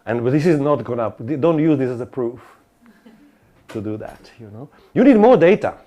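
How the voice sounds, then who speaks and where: A man's voice: medium pitch, lively intonation, moderate pace, mellow. Man giving a lecture. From Slovakia. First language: Slovak. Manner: discursive, many restarts and asides to the audience. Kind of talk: academic lecture.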